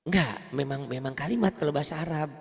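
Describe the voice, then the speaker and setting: A man's voice: on the high side, fast talker, vocal fry, in a large hall. A man teaching Quran recitation rules one-on-one, patiently repeating points and quizzing his student. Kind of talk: one-on-one tajwid lesson.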